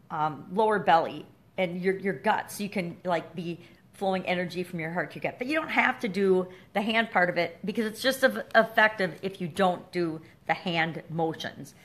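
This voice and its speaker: A woman's voice: medium pitch, fairly bright tone. A middle-aged woman coaching in a chatty, earnest way, now and then laughing as she explains. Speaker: wellness coach. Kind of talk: casual teaching talk to camera.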